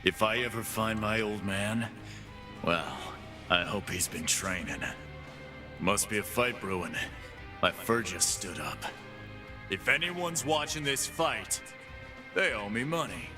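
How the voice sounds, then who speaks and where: With game music behind him, an actor voices a boastful half-beast fighting-pit boss, a cocky brawler who swaggers and taunts like a tough guy in game voice lines. His voice is on the low side, slow and punctuated by frequent pauses.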